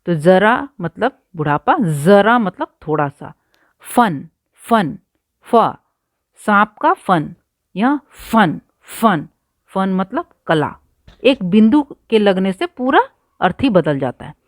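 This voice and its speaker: Woman, teacher, unhurried lesson, dry close sound, patient repetition. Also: medium pitch, big pitch swings, dry recording. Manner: patient, repeats words slowly for pupils. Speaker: Hindi teacher. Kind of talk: line-by-line textbook lesson.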